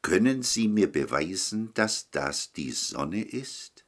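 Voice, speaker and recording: A man voicing a humble, devout woman who sells fruit at a market, speaking softly and earnestly. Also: deep voice, very animated, slow pace, heavily acted.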